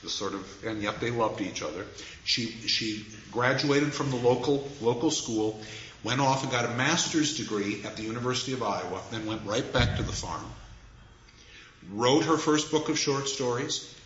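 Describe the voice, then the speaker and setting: A man's voice: medium pitch, normal speed, fairly bright tone, a little hiss or hum. A man giving an anecdotal lecture, a wry storyteller who chuckles at his own asides. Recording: echoey, dull room recording with faint ambience.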